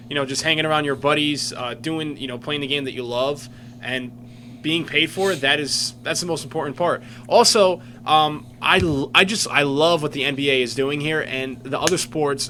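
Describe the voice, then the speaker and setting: A man's voice: a little high, brisk, sharp tone, a little hiss or hum. A man co-hosting a sports podcast, talking casually and somewhat hesitantly. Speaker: podcast co-host.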